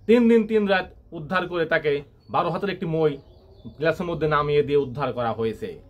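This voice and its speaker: A man's voice: on the high side, fairly quick, lo-fi sound, loud music behind the voice, natural voice. A man playing a parody news anchor, reading absurd bulletins with mock seriousness. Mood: mock-serious.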